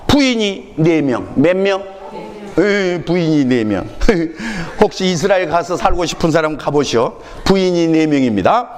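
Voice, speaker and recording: A man with a Jeolla accent preaching from the pulpit, his voice high-pitched and swinging widely in pitch as he jokes and questions the congregation. The sound carries a long church-hall reverb over a faint hiss. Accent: Jeolla dialect. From Jeolla region, Korea. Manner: animated storytelling, quizzing the congregation and laughing along. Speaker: pastor. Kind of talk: sermon. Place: church sanctuary.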